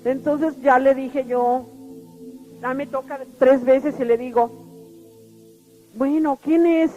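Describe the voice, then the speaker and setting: A woman giving a spoken personal testimony, earnest and halting, with frequent restarts and repeated words. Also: sits high, level tone, darkish tone. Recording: muffled recording with faint background music.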